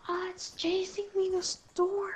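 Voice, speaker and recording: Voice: very high voice, monotone, a little slow. A player chatting casually during a video game, with teasing, profane banter. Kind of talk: casual gaming chat. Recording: clearly noisy game voice chat.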